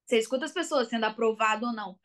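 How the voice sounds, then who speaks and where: A young Brazilian woman, a college soccer player, speaks Portuguese-accented English as an interview guest, talking casually and packing her story with fillers. Her voice sits a little high and sounds fairly bright, and she talks very fast.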